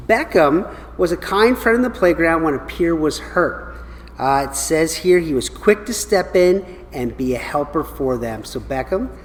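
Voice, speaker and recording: An American man giving school morning announcements and reading out student awards, speaking directly and encouragingly to children. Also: a little high. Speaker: school principal or staff announcer. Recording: reverberant hall with background noise.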